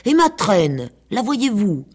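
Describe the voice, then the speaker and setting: A woman's voice: mid-range voice, big pitch swings, takes it slowly, voice pushed up. A woman doing a vain, fretful male pig. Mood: eager. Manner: eager, fretful, boastful. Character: vain skinny male farm pig, proud and gullible.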